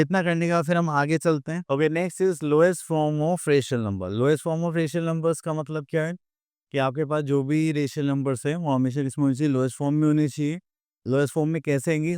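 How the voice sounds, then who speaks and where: A man's voice: fairly high pitch, darkish tone, clean tone, dry recording, clean studio sound. A man teaching a math lesson to students, mixing Hindi and English, asking questions and answering them himself. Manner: slows down to read textbook lines aloud.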